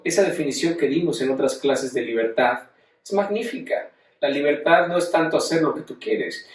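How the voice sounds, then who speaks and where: A man with a Mexican accent giving a class, explaining in a conversational way with frequent tag questions. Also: fairly high pitch. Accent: Mexican Spanish. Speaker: teacher. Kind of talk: recorded class lecture. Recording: echoey room, mic at a distance.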